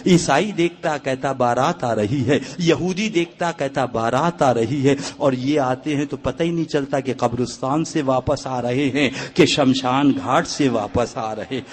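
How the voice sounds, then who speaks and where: A middle-aged man from India giving a fiery religious speech, telling stories, acting out dialogue in voices and poking fun. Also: mid-range voice. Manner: acts out dialogue in voices, mocking humor. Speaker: religious preacher.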